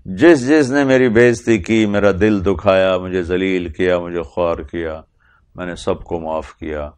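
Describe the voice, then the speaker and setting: A man's voice: low voice, steady tone, darkish tone, clear, resonant tone, lightly acted. A man voicing a poor, humble companion praying earnestly at night. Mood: pleading. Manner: pleading, earnest.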